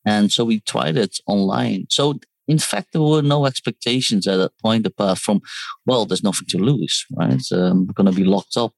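A man with a lowish, creaky voice speaks at a normal speed on a low-quality recording with no echo. Born in South Korea and raised in the Netherlands, he is a startup founder and design teacher discussing his work as a guest in a conversational interview. He is thoughtful, restarts words, and drops quotes from others into asides.

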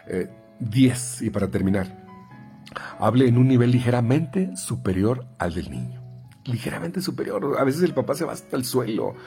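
A man's voice: very animated, moderate pace, dark tone, faint music behind. A man with a Mexican Spanish accent, a speech therapist giving parents conversational advice in numbered tips, with many fillers and restarts. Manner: conversational, frequent fillers and repeats; acts out quoted parents and children in higher voices.

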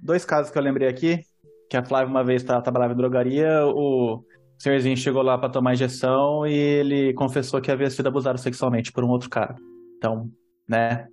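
A man's voice: medium pitch, flat delivery, darkish tone, faint music behind. A man, a pharmacist co-hosting a podcast, telling work anecdotes in casual chat. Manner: storytelling, quick.

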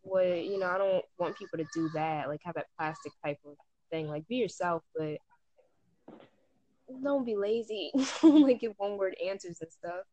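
A woman's voice: fairly low pitch, normal speed, warm tone, rough recording. A young woman in casual chat about starting a podcast, laughing often and filling her talk with "like". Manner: chatty, laughs often, lots of "like". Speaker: aspiring podcaster.

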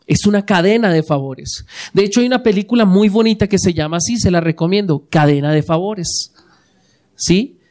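A man's voice: sits high, a little mellow. A man preaching a sermon, asking the congregation questions and repeating key phrases for emphasis. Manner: asks the congregation questions and waits for replies. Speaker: pastor.

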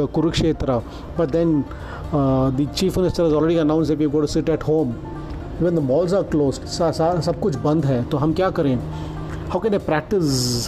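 Indian male podcaster, mellow tone, tongue-in-cheek monologue mixing Hindi into English, faint music underneath. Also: on the high side. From South India. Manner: mixes Hindi phrases into English; tongue-in-cheek, mock-earnest. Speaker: podcast host. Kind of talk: humorous rambling podcast monologue.

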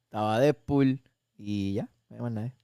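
Man co-host, playful and teasing, clear voice on a close mic. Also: lowish voice, moderate pace, dark tone, no echo. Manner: playful, teasing, mixes English words. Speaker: podcast co-host. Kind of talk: casual film chat, reading out viewer comments.

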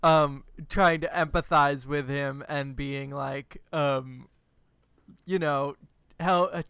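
Slow, halting man on a dry mic. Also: a little high, steady tone, a bit bright, smooth, no echo. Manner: halting, with many fillers. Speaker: podcast co-host. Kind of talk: casual chat.

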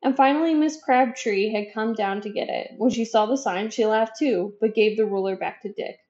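A woman's voice: fairly high pitch, normal speed, a little mellow. Woman reading a children's story aloud. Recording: dull lo-fi recording.

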